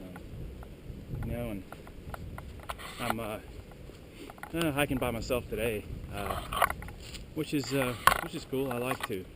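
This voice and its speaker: A man with a fairly ordinary pitch talks into a handheld camera as he hikes up a mountain trail. He rambles easily and leans on plenty of filler words. Loud, clear wind noise runs under the whole recording. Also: slow pace, long pauses. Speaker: vlogger. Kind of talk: casual walking vlog. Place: outdoors on a windy mountain trail. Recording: strong wind noise outdoors.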